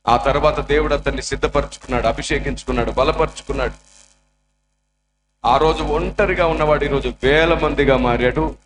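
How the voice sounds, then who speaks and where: A man's voice: on the high side, a little fast, noisy background. A male preacher telling a story dramatically and emotionally during a sermon in a church. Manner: dramatic, emotional, acts out the voices. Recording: echoey church hall.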